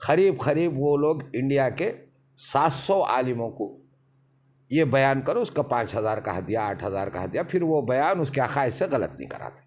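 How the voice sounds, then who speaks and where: A man's voice: medium pitch, sing-song, normal speed, darkish tone. Man, interview guest, emphatic, long winding explanations. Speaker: interview guest, party leader. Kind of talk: casual interview talk.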